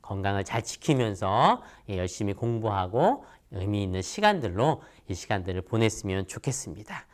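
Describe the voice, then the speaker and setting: A man in his thirties giving a children's sermon as a church pastor, animated and acting out little voices. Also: on the low side, normal speed, few pauses. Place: church, recorded for online worship video.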